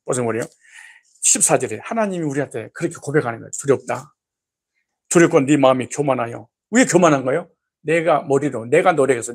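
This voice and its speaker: A man's voice: on the high side, creaky, breathy edge. A middle-aged male pastor preaching a sermon in a folksy, scolding style with joking, blunt asides.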